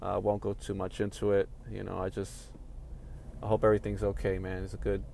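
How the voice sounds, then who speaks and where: A man with a low voice rambles through a casual talk at home, drowsy and yawning between thoughts. His delivery is loose and unhurried, and faint noise hangs under the recording. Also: monotone, vocal fry, warm tone. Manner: rambling, yawning, laid-back. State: sleepy, yawning. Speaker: MMA commentary vlogger. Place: home room with sunny window.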